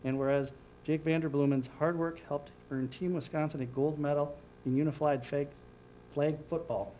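A man's voice: a little high, fairly even intonation, normal speed, dark tone, a little hiss or hum, low-quality recording. A middle-aged man leading a village board meeting, reading formal proclamations at a podium and correcting small slips as he goes. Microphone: podium microphone.

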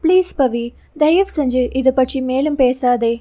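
A woman's voice: high voice, unhurried, mellow. A woman reading the part of a hurt, lovesick young office worker who pleads and pours out her feelings. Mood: troubled pleading. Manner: pleading, emotional.

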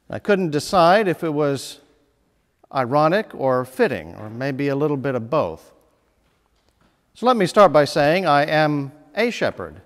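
Man in his thirties, priest, slightly high voice, animated sermon delivery, echoing church hall. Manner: measured, lively preaching with emphatic phrasing. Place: small church chapel with stone wall. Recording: long reverb of a church hall.

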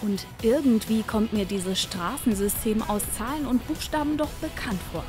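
Here a fairly high-pitched female voice moves at a moderate pace, belonging to a young reporter voicing a breezy, conversational travel program. The scripted TV narration plays over clearly audible background music.

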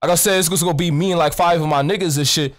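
A young American streamer makes a prank call from his streaming desk indoors, rambling in casual street slang with a nonchalant, profane attitude. His slightly high voice races along with fairly even intonation, captured close on a studio mic with a pop filter while he wears a headset.

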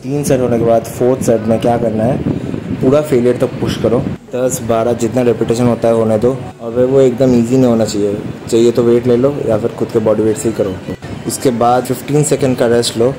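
Talking to viewers as if they were his brothers, this young man gives a casual chest-workout lesson in a brisk, mid-range voice with fairly even intonation. The fitness vlog is shot in a small indoor gym on a camera standing a few steps away, so the sound is noisy, echoey, and backed by music.

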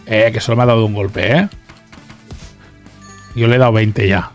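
Casual gaming host from Spain, chatty commentary with tag questions, faint music under him. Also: male voice, fairly low pitch, fairly even intonation, moderate pace. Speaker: gaming youtuber. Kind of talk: let's play commentary.

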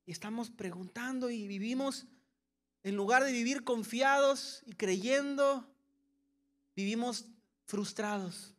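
A pastor delivers a sermon in a high, light voice. He acts out worried questions to God, then eases into gentle, reassuring answers. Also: slow pace. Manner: preaching with voiced-out anxious questions and soft calming asides.

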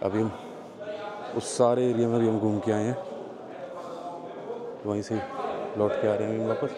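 A man's voice: on the low side, little pitch movement, moderate pace. A man filming a casual travel vlog as he walks a tourist cave, chatting and pointing things out to his viewers. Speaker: travel vlogger. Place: inside a busy tourist cave. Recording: crowd chatter behind. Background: crowd of tourists.

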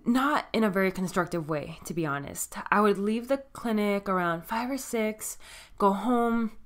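A woman with a Miami American accent presents a solo podcast. Her voice sits at an average pitch for a woman. She follows prepared material in a conversational, plainly explanatory way. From Miami, United States. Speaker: podcast host. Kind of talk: scripted solo podcast talk.

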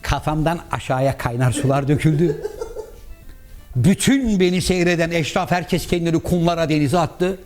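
Male comic storyteller, lively, does the voices of others. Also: fairly high pitch, normal speed, faint music behind. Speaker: actor telling anecdotes.

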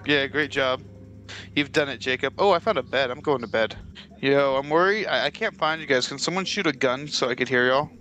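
A man's voice: medium pitch, fairly quick, sharp tone. A young man trading slangy, joking banter in casual game voice chat. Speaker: online co-op gamer. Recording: faint noise, game ambience.

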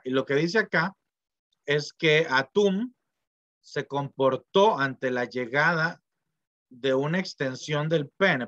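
With a slightly high, fairly bright voice, a middle-aged man lectures informally at a university, drifting into digressions and leaning on tag questions and fillers. There's no room sound in the dull, dry lo-fi audio.

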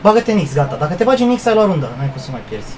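Foul-mouthed man yelling at his gaming team. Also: high-pitched, very animated, crowd noise. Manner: yelling insults at teammates, crude swearing. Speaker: streamer. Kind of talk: profane live gaming commentary. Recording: noisy stream audio with gunfire behind. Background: game gunfire.

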